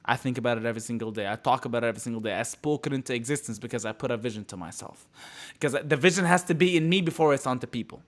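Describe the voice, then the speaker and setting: A young man from the Middle East giving a passionate live motivational talk to his audience, repeating phrases and swinging from loud bursts to hushed, quiet lines. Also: medium pitch, very fast. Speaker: motivational speaker.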